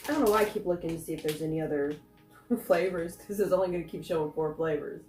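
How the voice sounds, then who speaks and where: A snack reviewer, this woman rambles casually through a food taste test, thinking out loud as she goes. Her voice is low and her pace quick, and the recording has a roomy echo with faint music.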